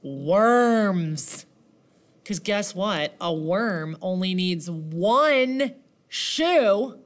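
A woman reading a picture book aloud to children like a teacher, animated, asking questions and counting along. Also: mid-range voice, extremely slow.

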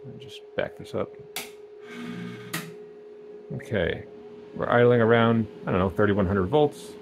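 Relaxed man demoing gear, low voice. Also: measured pace, creaky, background noise. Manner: relaxed, plain-spoken, frequent ums. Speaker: amplifier builder demonstrating equipment. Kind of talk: casual equipment demo. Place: small workshop indoors.

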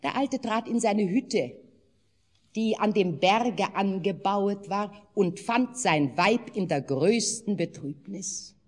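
An older woman narrating a fairy tale in a measured, expressive dramatic reading. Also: medium pitch.

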